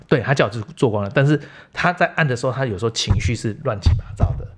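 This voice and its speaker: Husky fast-talking man telling stories. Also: medium pitch. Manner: lively anecdotal storyteller. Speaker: podcast host, meridian massage practitioner. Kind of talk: casual storytelling chat.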